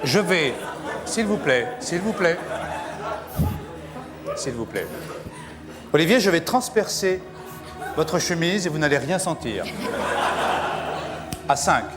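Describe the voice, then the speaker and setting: A man playing a showy stage hypnotist who chants slowly and insistently. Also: a little high, lively intonation, in a large hall, crowd noise. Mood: coaxing. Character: showy adult male stage hypnotist, bluffing. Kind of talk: comedy sketch.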